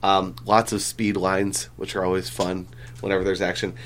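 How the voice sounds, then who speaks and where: A man's voice: deep voice, level tone, normal speed, a little hiss or hum. A man hosting a casual podcast chat, rambling with lots of fillers and the odd swear. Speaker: comic book podcast host.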